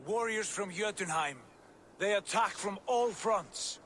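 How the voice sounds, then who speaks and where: A man playing a watchful Norse god in a video game, giving formal, measured counsel on war. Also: sits high, fairly bright tone, slight background noise. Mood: grave, measured. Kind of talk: dramatic video game acting.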